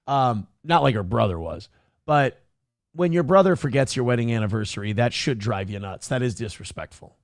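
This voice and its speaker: A man's voice: medium pitch, expressive, normal speed, no echo, studio quality. An American man hosting comedic political commentary in a sarcastic, emphatic manner. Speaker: talk show host.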